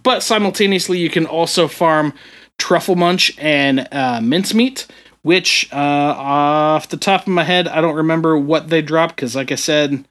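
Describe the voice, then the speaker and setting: Man, podcast co-host, bright, slightly high voice, loose rambling chat. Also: normal speed. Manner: rambling, with frequent fillers and restarts. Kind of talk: casual gaming podcast chat.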